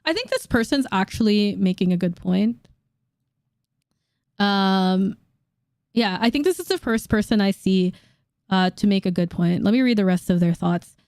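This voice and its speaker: A woman in her late twenties reacting to online comments in a casual vlog, blunt and quick to laugh, swearing casually. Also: medium pitch, lively intonation, darkish tone, smooth, dry recording, studio quality. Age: late 20s. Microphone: dynamic studio mic.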